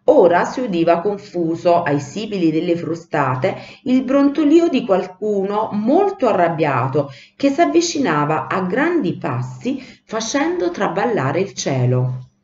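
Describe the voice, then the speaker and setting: A woman teacher reading a children's storybook aloud in an animated way, in a roomy, lo-fi recording. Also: mid-range voice, measured pace, hardly any pauses. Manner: animated, acts out the voices. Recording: roomy, dull lo-fi sound.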